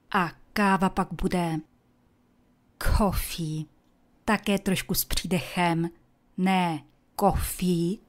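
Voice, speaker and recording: A woman giving a scripted English lesson to Czech speakers, slowly and carefully demonstrating the pronunciation of each word. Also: on the low side. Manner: Czech-speaking teacher pronouncing English words. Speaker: English teacher.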